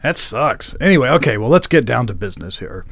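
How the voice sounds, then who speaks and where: A man's voice: mid-range voice, very animated, fairly quick, vocal fry, fairly bright tone, dry recording. A man co-hosting a casual podcast, rambling, swearing freely and laughing at his own confusion. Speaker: podcast co-host.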